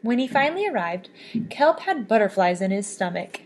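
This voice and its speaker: A woman reading a children's picture book aloud with expressive, animated storytelling. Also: medium pitch, moderate pace. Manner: expressive, lively storybook voices.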